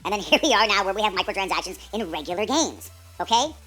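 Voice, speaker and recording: A man's voice: high voice, animated, fast, pushed and bright, slightly rough, soft background music. A man with a scratchy throat ranting emphatically about his views as a gaming commentator, swearing heavily. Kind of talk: opinionated rant.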